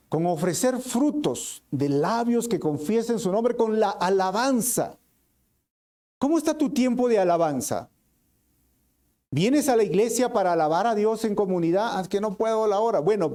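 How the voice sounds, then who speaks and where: Animated Peruvian pastor preaching. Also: male voice, high-pitched. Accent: Peruvian Spanish. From Peru. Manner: animated preaching, rhetorical questions, addresses the congregation as brothers. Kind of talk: sermon. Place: church.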